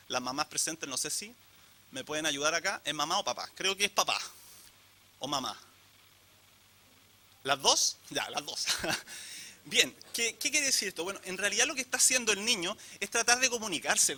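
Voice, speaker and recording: A man's voice: high voice, sharp tone. A man giving an academic lecture to a live audience, asking rhetorical questions and turning to the listeners. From Chile. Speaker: conference speaker.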